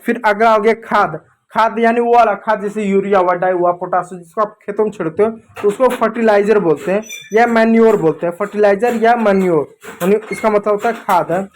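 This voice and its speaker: A man with a fairly high voice teaches English words in an informal classroom manner. He says each word again and again and keeps checking in with his listeners. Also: brisk. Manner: repeats words, keeps saying "theek hai" and "dekho doston". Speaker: English teacher on a kids' channel. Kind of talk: informal Hindi vocabulary lesson.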